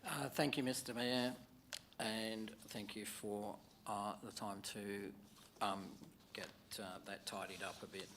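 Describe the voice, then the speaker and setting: An Australian man, a councillor moving a motion at a formal meeting, speaking haltingly with many fillers and restarts. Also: on the low side, fairly even intonation, background noise.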